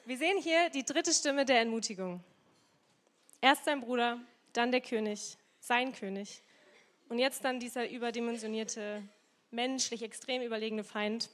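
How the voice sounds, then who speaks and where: A woman preaching a casual, lively sermon, retelling a story and mixing in English words. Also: on the high side. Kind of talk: youth sermon with Bible reading.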